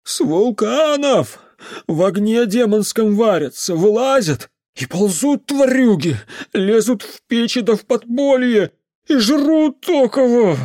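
A man voicing a drunk, tearful old village man who wails in a hoarse, high voice. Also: expressive, takes it slowly, darkish tone, no room sound, clean studio sound, full character voice. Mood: wailing. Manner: wailing, tearful rustic speech.

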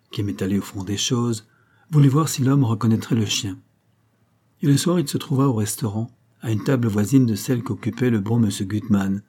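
A male audiobook narrator with a dark, mellow tone and a husky grain. He tells the story at a measured, steady pace. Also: on the low side. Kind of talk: scripted narration.

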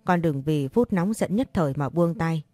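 Storybook role: a loud, sneering, vindictive mother, voiced by a woman narrator, low warm tone. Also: lively intonation, normal speed, dry recording, faint music behind. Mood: indignant. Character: scornful vindictive middle-aged mother.

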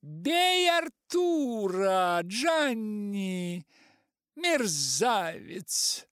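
A man voicing a brash, beautiful woman who shouts and rallies a crowd into a brawl. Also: very animated, extremely slow, clear, resonant tone, no room sound, clean studio sound, heavily acted. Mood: furious. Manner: shrill rabble-rousing shouts.

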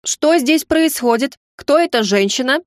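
A woman's voice: high-pitched, animated, a little slow, no echo, clean studio sound, voice pushed up. A woman voicing a fussy older male minister who scolds the guard and dotes on the servant. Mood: fussy scolding.

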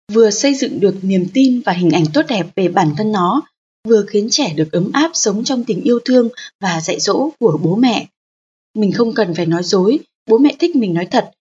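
Husky-voiced woman reading an audiobook. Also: medium pitch, darkish tone, lo-fi sound. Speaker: audiobook narrator. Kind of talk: scripted audiobook narration of a parenting book.

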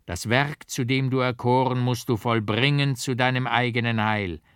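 A man's voice: medium pitch, steady tone, fairly bright tone, clean tone, dry recording, clean studio sound, voice pushed up, natural voice. A man voicing a solemn prophetic painter. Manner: solemn, slow and raised.

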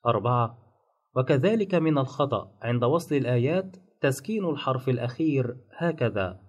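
A man's voice: mid-range voice, expressive, dull audio. Man explaining recitation rules. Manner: measured, enumerating rules point by point. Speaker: Quran recitation teacher. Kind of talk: scripted instructional narration.

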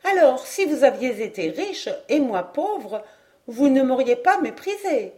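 Woman voicing a teasing lively young woman. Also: high voice, a little slow, voice pushed up. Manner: playful, teasing, laughing. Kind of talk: audiobook character reading.

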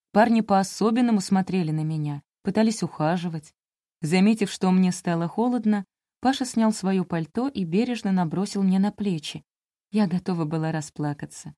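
A woman's voice: lowish voice, warm tone, dry recording, clean studio sound. A woman narrating a first-person audiobook in a confessional, intimate storytelling manner.

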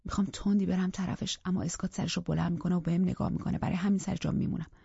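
Husky woman reading a thriller. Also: lowish voice, steady tone, dark tone, no echo, dull audio. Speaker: audiobook narrator. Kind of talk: first-person thriller narration.

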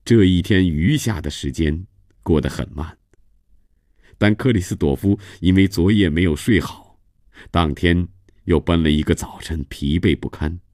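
A man narrates a novel for radio in a steady, measured storyteller's voice. His tone sits very low and dark. The studio sound is close and dry, with no room around it. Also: dry recording.

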